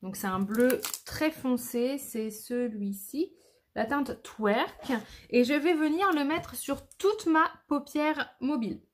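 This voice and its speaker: A woman's voice: high-pitched, measured pace, hardly any pauses. A woman, a makeup artist talking viewers through a makeup tutorial step by step in a chatty way. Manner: chatty, shows each step.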